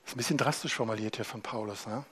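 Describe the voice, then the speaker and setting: A man preaching a sermon, swinging between hushed and loud as he retells scripture. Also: mid-range voice, fast, breathy edge.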